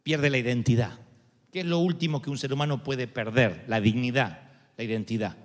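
A man's voice: medium pitch, normal speed. A man preaching a sermon, telling a story dramatically and building to emphatic peaks. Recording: long hall reverb.

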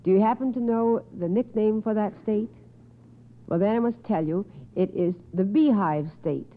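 Through a muffled, phone-like old radio recording comes a quiz show host with a mid-range voice at a moderate pace. She is courteous and schoolteacherly, speaks with precise enunciation, and affirms the contestants.

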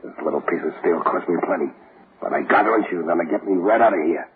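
A man's voice: sits low, fast talker, natural voice. An actor playing a tough, selfish male convict who talks in street slang and bosses his partner, in an old radio drama. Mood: gruff. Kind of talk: 1930s radio drama acting. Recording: scratchy old radio broadcast, tinny and hissy.

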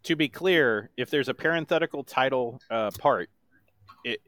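A man running a podcast trivia round, reading song lyrics in a deliberate monotone. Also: medium pitch, no room sound. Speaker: quiz host.

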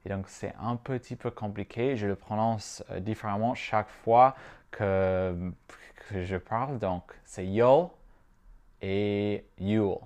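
A man with an American Midwest accent, slowly teaching an English lesson for French speakers and repeating each phrase word by word. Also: lowish voice, steady tone, darkish tone. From Midwestern United States. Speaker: language teacher.

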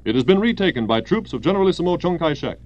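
A man's voice: on the high side, very animated, racing, a little mellow, dull audio. An American man reading formal, declamatory wartime news bulletins as a 1940s radio newscaster, in an old newsreel manner.

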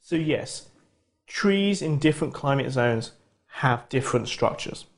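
Middle-aged man, professor type, lectures in quick bursts, voice of middling pitch. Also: expressive. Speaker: geography professor, interview guest. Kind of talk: conversational expert explanation.

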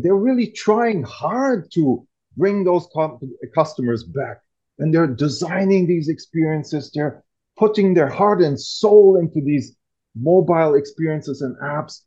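A man talks with eager enthusiasm as the guest author. His voice is mellow and a bit husky. The audio is dull and lo-fi. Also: fairly high pitch. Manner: explanatory, enthusiastic. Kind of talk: casual interview talk.

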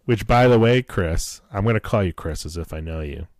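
A man's voice: deep voice, lively intonation, brisk, darkish tone, no echo. A man hosting a podcast in casual chat, joking in a self-deprecating and sometimes profane way, recorded at home in a basement. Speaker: podcast host. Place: wood-paneled home basement.

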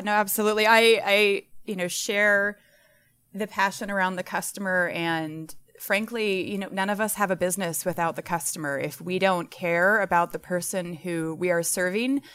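A woman's voice: fairly low pitch, a bit bright, clear, resonant tone. A woman guest in an interview, talking with enthusiasm in long, loose explanations with plenty of fillers. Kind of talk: podcast interview answers.

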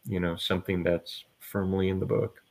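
A man's voice: low voice, level tone, normal speed, gravelly, a little mellow. A man, an author guest on a podcast, talking reflectively with hesitant restarts. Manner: hesitant, reflective, many fillers. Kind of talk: casual interview chat.

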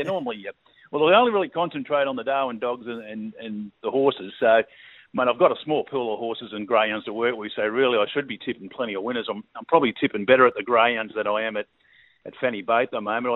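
Fast-talking Australian man on a phone line. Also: mid-range voice, dry recording. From New South Wales, Australia. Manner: laid-back rambling storyteller, many fillers. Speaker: race caller, guest. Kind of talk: casual interview. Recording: tinny phone line, dry.

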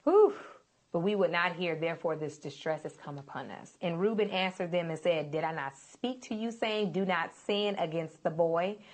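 A woman's voice: on the low side, normal speed, hardly any pauses. A woman giving a casual sermon, reading scripture aloud in an earnest, chatty way and often calling her listeners "you guys". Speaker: Bible teacher.

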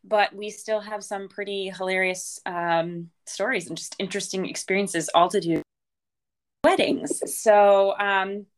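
A woman's voice: medium pitch, fairly even intonation, a little slow, a little hiss or hum. An American woman co-hosting a podcast, chatting casually with joking, self-deprecating banter. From Maine, USA. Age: adult, mother of young children. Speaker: podcast co-host. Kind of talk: casual chat.

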